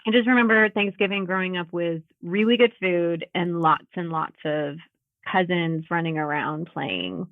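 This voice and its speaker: A woman in her thirties appears as a guest on a casual podcast over a video call, laughing a lot and filling gaps with fillers. Her lowish voice is expressive, moving at a moderate pace, on tinny, phone-like audio without echo.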